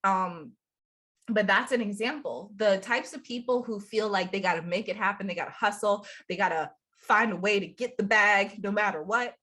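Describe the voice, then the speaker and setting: A young adult woman with a congested voice talks casually to camera as a spiritual coach and channel host. Her medium-pitched voice is pushed and bright at a normal pace, and she's chatty and upbeat, laughing often.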